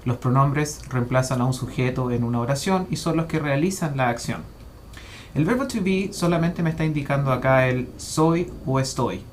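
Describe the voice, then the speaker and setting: A man's voice: medium pitch, slight background noise. Methodical male English teacher. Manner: methodical, slows to spell out English example phrases. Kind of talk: explanatory grammar lesson.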